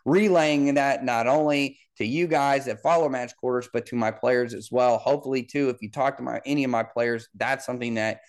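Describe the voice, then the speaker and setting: A man in his thirties talks alone into the mic as a football coach hosting his own podcast. His voice sits at an ordinary middle pitch, and his delivery is loose and conversational, full of fillers, repeated words and restarted sentences. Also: steady tone, a little fast, few pauses. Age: 30s. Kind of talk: solo podcast monologue.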